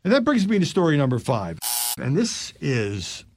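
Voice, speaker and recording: An older man hosting a news podcast, reading stories aloud and dropping his voice low for quick asides. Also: slight background noise. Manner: animated delivery, drops low for asides.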